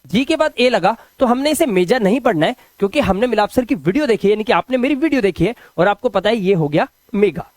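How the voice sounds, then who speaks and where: A man's voice: sits high, animated, fast, hardly any pauses, dry recording. A man teaching English pronunciation rules in Hindi, patiently spelling out words letter by letter.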